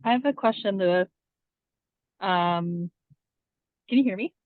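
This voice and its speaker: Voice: mid-range voice, measured pace, no room sound. A caller driving while talking over a car speakerphone, asking curious questions in a casual, apologetic way with many okays. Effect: calling in over a car speakerphone. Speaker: student caller on a group coaching call. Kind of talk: casual questions on a group call. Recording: tinny phone line, dry.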